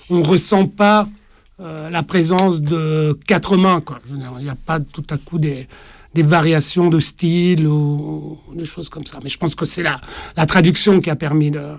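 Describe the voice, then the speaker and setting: A man in his forties, born in Italy, talking about the book he co-wrote in an interview, pausing often with fillers and restarts. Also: on the high side, steady tone, no room sound. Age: 40s. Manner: hesitant, many fillers and restarts. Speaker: author. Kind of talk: interview conversation.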